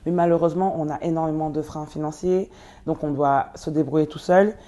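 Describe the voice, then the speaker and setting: A young woman who grew up in Belgium and was born in Congo, answering interview questions with many pauses and fillers. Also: low voice, fairly even intonation, warm tone. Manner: hesitant, many fillers and restarts. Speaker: guest, nonprofit co-founder.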